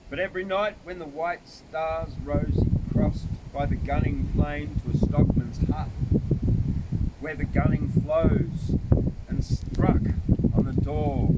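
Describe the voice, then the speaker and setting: Outdoors at a cave site, a man recites a bush ballad, theatrical and measured, with emphatic phrasing. The recording is very noisy, with clicks and a vehicle-like rumble.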